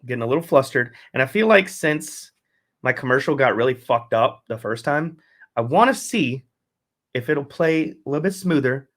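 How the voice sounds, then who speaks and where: A man's voice: mid-range voice, animated, normal speed, a bit bright. Profane rambling man hosting a recap. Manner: profane, rambling, self-correcting. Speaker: fantasy football podcast host. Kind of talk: casual solo recap rant.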